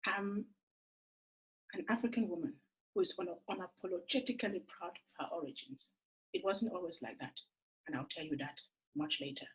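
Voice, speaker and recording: A woman makes a heartfelt personal appeal straight to camera. Her voice is very husky and breathy, and her pitch swings widely as she tells her stories. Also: animated, moderate pace, pauses often, low-quality recording. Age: 40s. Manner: earnest, heartfelt storytelling. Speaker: entrepreneur making a funding appeal.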